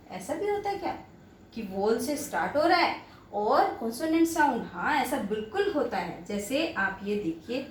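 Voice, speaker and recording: A woman teaching an English grammar lesson, asking questions and answering them herself, repeating the key points. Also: high-pitched. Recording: echoey room with faint background noise.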